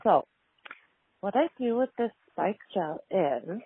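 A woman's voice: medium pitch, expressive, slow pace, breathy edge, no echo. A woman leaving a chatty, rambling voicemail over the phone, as though walking or driving. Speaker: caller. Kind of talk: casual phone message. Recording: tinny phone-line voicemail.

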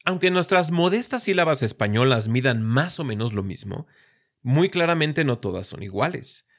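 A man teaching in a clear, explanatory way, slowing down to sound out words syllable by syllable, with a light humorous aside now and then. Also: medium pitch, expressive. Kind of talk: scripted educational explanation.

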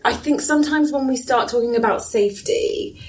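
A woman's voice: a little high, normal speed, rough recording. A woman of thirty, a life coach guest, telling stories and giving thoughtful advice in casual chat. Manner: thoughtful, storytelling, gives advice.

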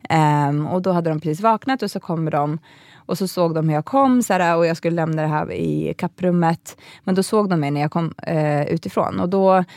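Animated storyteller woman, dry close sound. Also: lowish voice, no echo. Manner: animated storyteller, acts out quoted people. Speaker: podcast co-host. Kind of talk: casual chat.

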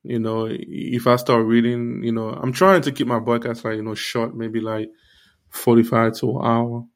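A Haitian-born man hosts his own faith podcast, addressing listeners directly in an earnest, preachy monologue packed with "you know" and "like." His middle-pitched voice moves little in pitch and keeps a moderate pace, casual in tone.

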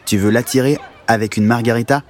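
A man's voice: medium pitch, fairly even intonation, fairly quick, some chatter behind, close to an everyday voice. A man voicing a nervous, teasing young schoolboy in an audio story.

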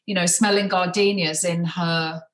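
A woman's voice: fairly low pitch, fairly even intonation, moderate pace, fairly bright tone, reverberant, low-quality recording. A woman in her fifties from the English Midlands, a guest in a podcast interview, chatty and hesitant with many ums. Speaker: guest, beauty brand founder.

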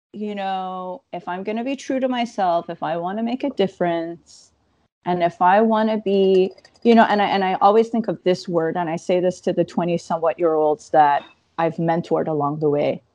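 A woman in her thirties, an interview guest, telling her career story in an animated way with quick asides. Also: fairly low pitch, dry recording.

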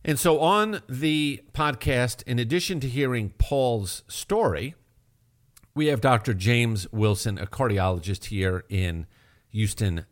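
A male health show host explaining heart tests in an emphatic manner, asking rhetorical questions. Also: medium pitch. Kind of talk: radio health talk.

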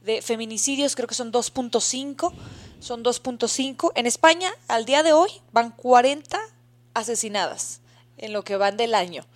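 A woman's voice: a little high, lively intonation, moderate pace. A woman with a Mexican accent co-hosting a podcast, explaining earnestly in casual chat. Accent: Mexican Spanish. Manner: earnest, explaining, with frequent restarts. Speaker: podcast co-host.

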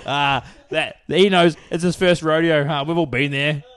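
A man's voice: on the high side, steady tone, normal speed, fairly bright tone. Young man with crude, mocking banter. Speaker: podcast co-host. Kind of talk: casual banter. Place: home lounge room.

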